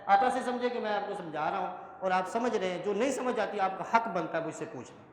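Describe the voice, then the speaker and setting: A man's voice: high voice, slight background noise. Man teaching in an echoey hall. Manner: slow, drawn-out spelling of syllables, checks understanding often. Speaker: Quran recitation teacher. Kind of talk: classroom lesson on Quran pronunciation.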